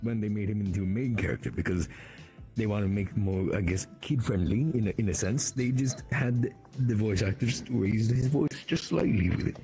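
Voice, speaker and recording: A man chatting casually on a live stream in a relaxed, matter-of-fact way. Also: fairly low pitch, moderate pace, faint music behind. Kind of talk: casual chat.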